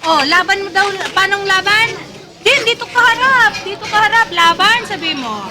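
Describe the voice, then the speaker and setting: High-pitched coaxing woman on a busy street. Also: expressive, moderate pace. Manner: coaxing, playful prompting. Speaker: parent filming her child. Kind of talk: home video, coaxing a toddler. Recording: loud street noise and crowd chatter.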